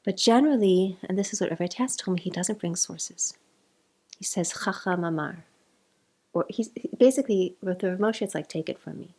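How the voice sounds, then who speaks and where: A woman's voice: lowish voice, moderate pace, a little mellow. Chatty South African woman teaching Torah. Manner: chatty, digressive, mixes in Hebrew terms. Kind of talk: informal Torah class.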